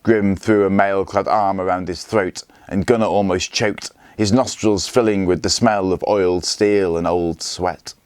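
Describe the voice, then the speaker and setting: Man, teacher, story read aloud, steady clear telling, low voice, dry recording. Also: measured pace, hardly any pauses, dry recording.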